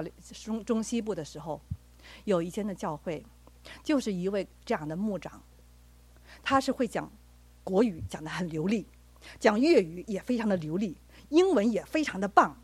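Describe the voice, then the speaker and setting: Husky woman preaching earnestly. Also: medium pitch, animated, moderate pace, dry recording. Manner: earnest, acts out quoted dialogue. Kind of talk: sermon with personal stories.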